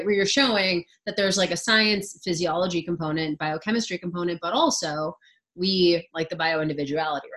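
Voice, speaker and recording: Woman coach, lower-pitched, casual and reassuring, filler-heavy delivery. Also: fairly bright tone. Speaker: business coach leading a group call.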